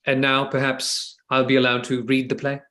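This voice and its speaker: A man's voice: medium pitch, monotone, normal speed, bright, forceful tone, natural voice. A man playing an earnest, nervous poet in a stage play reading, with a hesitant, self-conscious manner. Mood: touchy. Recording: echoey room.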